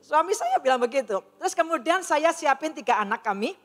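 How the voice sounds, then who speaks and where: A middle-aged woman with a high, lively voice speaks a little fast as she gives an earnest personal testimony in a large hall. She acts out the dialogue she quotes while telling her story, and the hall's long reverb carries her words.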